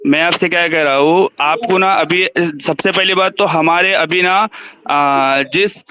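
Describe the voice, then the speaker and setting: A man's voice: a little high, sharp tone. A man in a heated religious debate on a livestream, insistently demanding to be heard and pressing his point.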